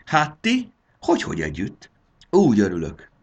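A man's voice: fairly low pitch, wildly swooping pitch, breathy edge, dull audio, voice pushed up, heavily acted. A man voicing a fierce, grumpy mother dragon who roars and scolds in a storybook reading. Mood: cheerful. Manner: roaring, scolding.

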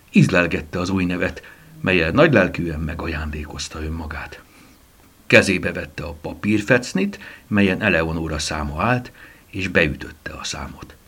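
Male audiobook narrator, deep, very raspy, lively pitch, expressive storybook reading. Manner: expressive, voices each character.

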